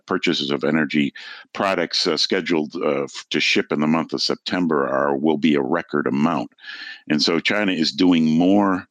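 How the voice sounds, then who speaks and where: A man with an extremely deep voice explains the news as an editor on a podcast. His delivery is measured and halting, with frequent pauses. The sound is dry and close. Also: fairly bright tone, dry recording. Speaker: political economy editor, podcast guest. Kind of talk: unscripted news analysis.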